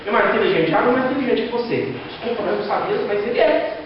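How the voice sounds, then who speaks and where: High-voiced Brazilian pastor in echoing hall. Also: male voice, expressive, rapid-fire, a little hiss or hum. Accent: Brazilian Portuguese. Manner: storytelling, acting out quoted voices, rhetorical questions. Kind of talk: sermon. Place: large echoey church hall. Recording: echoey hall from far off, dull sound.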